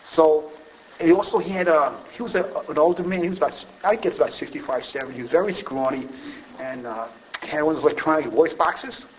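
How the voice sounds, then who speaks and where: A man's voice: fairly high pitch, quick pace. Rambling New man, dull lo-fi recording. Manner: rambling, self-deprecating, many fillers and restarts. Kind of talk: personal recovery story told to a group. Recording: dull lo-fi recording, faint hiss.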